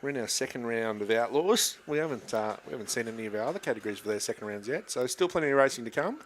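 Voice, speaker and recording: A man's voice: mid-range voice, lively intonation, fast talker, a little hiss or hum. Chatty Australian male race commentator. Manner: chatty, laughs often. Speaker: drag racing commentator. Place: commentary box at a raceway.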